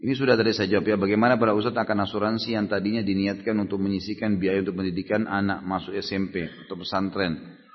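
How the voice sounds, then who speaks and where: A man's voice: on the low side, flat delivery, quick pace. A man preaching at a religious study gathering, answering questions in a conversational way, acting out little dialogues and firing off rhetorical questions. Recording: echoey hall, dull lo-fi sound.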